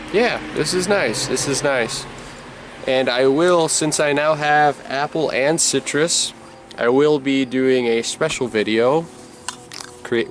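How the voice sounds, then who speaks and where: A man giving a casual, rambling review as he talks with a wad of chewing tobacco in his mouth. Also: medium pitch. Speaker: product reviewer. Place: outdoors. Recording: noisy outdoor recording, people and traffic behind. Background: loud people nearby, vehicle noise.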